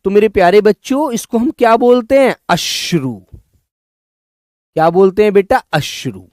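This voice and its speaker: A man teaching in a live online class, coaxing his students and drilling words by repeating them slowly. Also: high-pitched, a little mellow, no room sound, clean studio sound. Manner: coaxing, addresses students as children and brothers. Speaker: Hindi teacher.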